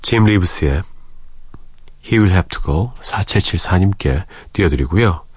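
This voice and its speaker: A man in his forties with a deep, husky voice hosts a late-night radio show from a studio. He reads listener messages in an easygoing, chatty way, and his pitch moves up and down a lot as he talks. The close studio mic sounds dry, with no room echo. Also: animated, slow pace. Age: 40s. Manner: easygoing and chatty, with soft breathy asides. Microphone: close studio microphone.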